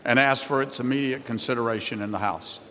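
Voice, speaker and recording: A man's voice: medium pitch, quick pace, a bit bright, slight background noise. An American man giving a formal, prepared political floor speech as a congressman. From Ohio, United States. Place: large legislative chamber, House floor. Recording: reverberant large chamber.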